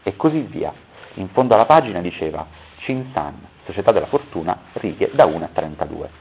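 A man's voice: low-pitched, big pitch swings, brisk, slightly rough. A man reading a story aloud at a public talk, stopping now and then to correct his own misreadings. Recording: tinny phone-like recording.

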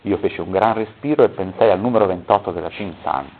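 A man with a husky, low voice reads a story aloud at a public talk. He keeps a steady pace and stops now and then to correct his own slips. The recording is thin and tinny, as if heard over a phone line. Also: fast.

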